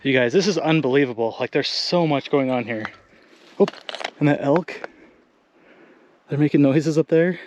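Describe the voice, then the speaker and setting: A man filming himself as he hikes outdoors, out of breath and exclaiming excitedly on a handheld camera mic. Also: a little high, moderate pace, pauses often, slight background noise. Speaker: vlogger exploring ruins. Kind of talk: excited on-the-spot hiking commentary. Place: outdoors on a hilltop.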